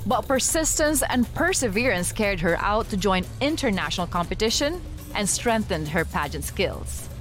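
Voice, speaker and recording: Woman, feature narrator, polished measured delivery, music bed underneath. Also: mid-range voice, big pitch swings. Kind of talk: scripted news-feature narration.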